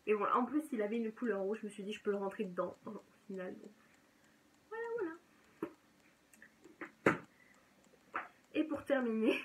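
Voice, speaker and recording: A woman's voice: mid-range voice, slight background noise, poor audio. A young woman chatting casually and enthusiastically as a book vlogger, often correcting herself mid-sentence. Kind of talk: casual chat.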